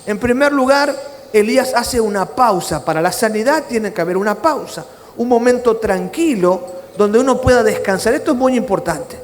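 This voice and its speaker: High-voiced preacher in a reverberant church. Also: male voice, lively intonation, moderate pace, slight background noise. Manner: rises to impassioned, near-shouted emphasis, then drops low and quiet in prayer. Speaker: pastor. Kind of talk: sermon. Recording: reverberant church hall with faint ambience.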